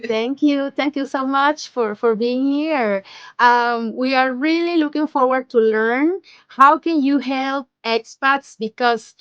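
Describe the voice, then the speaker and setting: A woman, an attorney, hosting an interview, speaking with halting restarts. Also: sits high, smooth, muffled recording. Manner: warm-hearted, halting, with repeated restarts. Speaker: immigration attorney and host. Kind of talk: hosted interview.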